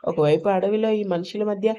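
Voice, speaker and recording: A woman's voice: medium pitch, fairly quick, dark tone, smooth. A woman narrating a romantic audio story, reading every character's lines in her own voice. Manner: reads all characters' dialogue in her own voice.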